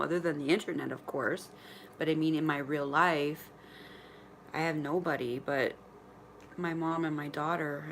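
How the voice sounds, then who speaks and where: A woman in her forties with a notably low voice, talking openly and casually to her followers on a livestream. She laughs easily and sometimes talks with her mouth full. A faint hum of room noise sits under her voice. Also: vocal fry, fairly bright tone. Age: 40s. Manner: candid and chatty, often laughing, sometimes talking while eating. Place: indoors in her mother's apartment.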